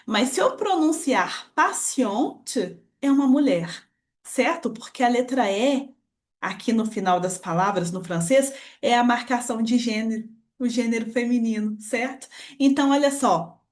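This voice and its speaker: A woman's voice: on the high side, moderate pace, a little mellow. A woman teaching a French lesson online, upbeat and encouraging, talking straight to the viewer. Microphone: computer screen recording voice-over.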